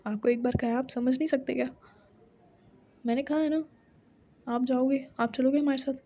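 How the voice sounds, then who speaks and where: A woman's voice: high-pitched, fairly even intonation, normal speed, mellow, lo-fi sound. A woman voicing an insistent, hot-tempered young woman who pleads with and pressures her partner.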